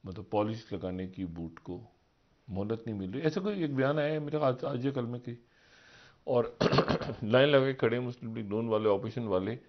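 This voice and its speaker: A man holds forth as a political analyst on a live television talk show, his voice sitting at an ordinary middle pitch. He meanders through his points with rhetorical questions, dropping to a mutter and then climbing to loud, emphatic highs. The broadcast audio sounds a little dull and muffled. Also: moderate pace. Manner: rambling, asks rhetorical questions, swings from low murmurs to raised emphatic peaks. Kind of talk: live TV current-affairs commentary.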